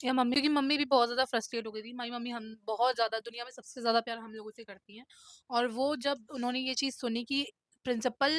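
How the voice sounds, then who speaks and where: A young woman retells a family story in a quick, chatty way. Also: on the high side, a bit bright, dry recording. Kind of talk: casual storytelling.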